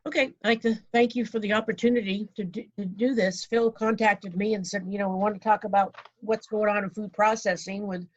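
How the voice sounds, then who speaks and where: A woman with a Boston accent giving an online presentation, rushing ahead with many fillers and restarts. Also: mid-range voice, fairly even intonation. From Boston, Massachusetts. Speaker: guest speaker. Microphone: video call. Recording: dull lo-fi video call audio.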